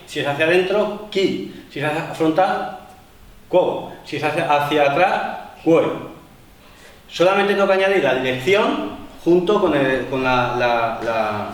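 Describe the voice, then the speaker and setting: A man's voice: on the high side, expressive, normal speed. Man teaching martial arts in echoey hall. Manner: explanatory, addresses the group with many fillers. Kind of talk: live seminar demonstration. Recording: echoey hall, voice from far off, faint noise.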